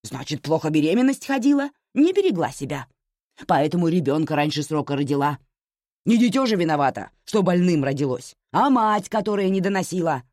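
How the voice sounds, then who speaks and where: A woman's voice: deep voice, animated, moderate pace, darkish tone, no room sound, clean studio sound, pitched above the performer's own voice. A woman voicing a scolding older mother. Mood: reproachful. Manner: scolding, lamenting.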